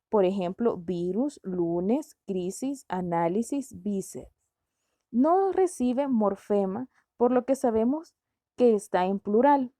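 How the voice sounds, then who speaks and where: Mellow-voiced woman teaching grammar. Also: a little high, dry recording. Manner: explains step by step, asks rhetorical questions. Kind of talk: grammar lesson.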